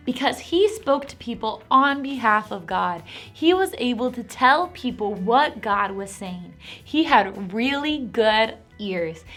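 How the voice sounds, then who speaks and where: Upbeat lady doing a preschool bible lesson, high bouncy voice, soft music behind. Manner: animated and encouraging. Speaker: preschool children's teacher.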